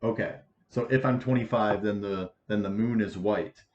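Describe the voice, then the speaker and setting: A man in his twenties giving a casual math lesson, with a halting delivery full of restarts and fillers. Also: on the low side, a little mellow. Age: 20s. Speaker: math teacher. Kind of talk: casual lecture. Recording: echoey room, dull lo-fi sound, faint hiss.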